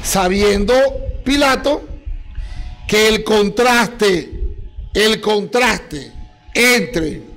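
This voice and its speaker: High, gravelly-voiced preacher man. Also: expressive, extremely slow, pauses often, fairly bright tone, rough recording. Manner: fires rhetorical questions at the congregation; emphatic, repetitive preaching. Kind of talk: sermon.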